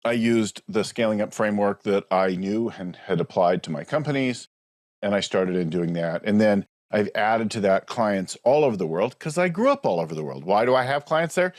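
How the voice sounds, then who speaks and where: This is a man in his forties, a business coach telling his story over a video call. His voice sits a little low and sounds close and dry, with no room around it. He talks reflectively and keeps asking "right?" to check the listener is with him. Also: animated, normal speed, darkish tone, no room sound. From United States. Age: 40s. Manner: reflective, frequent tag "right?".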